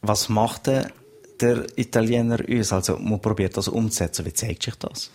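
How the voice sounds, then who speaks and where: Husky Swiss German radio host. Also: male voice, lowish voice, fairly even intonation, normal speed, a little mellow. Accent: Upper Valais Swiss German. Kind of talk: conversational interview.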